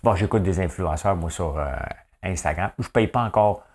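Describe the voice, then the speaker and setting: A middle-aged man with a Quebec French accent and a somewhat low voice delivers a casual morning news monologue. He is a chatty farmer who speaks his mind and keeps checking in with the listener. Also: moderate pace, darkish tone, slightly rough. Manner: chatty, rhetorical, keeps asking "hein?". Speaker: podcast host and farmer.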